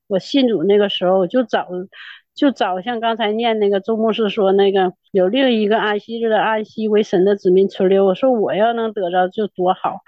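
A woman's voice: mid-range voice, dry recording. Earnest Northeastern woman's tearful testimony. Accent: Northeastern Mandarin. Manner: earnest, tearful, repetitive storytelling. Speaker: church member giving testimony. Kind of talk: emotional personal testimony. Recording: dull lo-fi dry recording.

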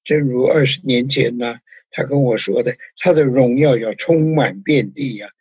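A man pastor giving a sermon in a very husky, breathy voice, talking in a conversational storytelling way with many sentence particles. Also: mid-range voice, normal speed, no room sound, muffled recording.

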